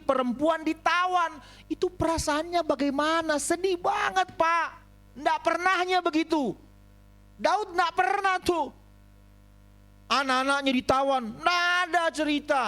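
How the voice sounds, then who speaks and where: In a church, a man delivers a lively sermon as pastor, his voice leaping between loud, high exclamations and quieter low asides as he urges the congregation to say amen.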